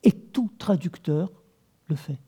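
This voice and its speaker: Slow, husky, dark-voiced man. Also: fairly high pitch, expressive. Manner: thoughtful, measured explaining. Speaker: translator. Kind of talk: interview.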